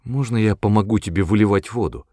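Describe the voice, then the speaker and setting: A man's voice: fairly low pitch, fast talker, warm tone, no room sound, clean studio sound, close to an everyday voice. A man voicing a brave young girl who speaks earnestly and sticks up for her friend.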